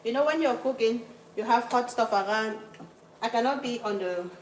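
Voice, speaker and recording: Livestreaming her cooking from a home kitchen, a talkative woman from Cameroon greets viewers by name and keeps apologizing while doing several things at once. She speaks at a moderate pace in a voice on the high side, and the poor audio has a faint hiss or hum.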